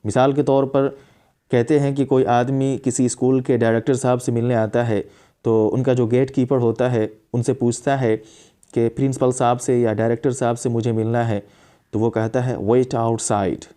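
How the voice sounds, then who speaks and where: A man gives a spoken English lesson in a mellow, warm voice of ordinary pitch. He states each English command slowly and says it over two or three times so learners can follow. His delivery stays calm and explanatory throughout. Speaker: English teacher.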